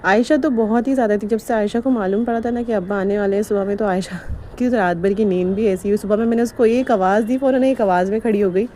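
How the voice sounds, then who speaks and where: A woman's voice: medium pitch, fairly even intonation, fast, dark tone, slight background noise. A woman, narrating a family vlog in a chatty, rambling way and laughing often. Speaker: vlogger.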